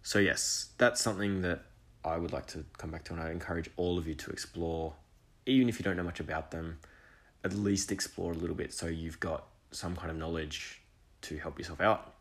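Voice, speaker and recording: A man with a low, breathy voice speaks briskly and with fairly even intonation. Alone on his education podcast, he talks enthusiastically, rambling with restarts and asides in a solo monologue.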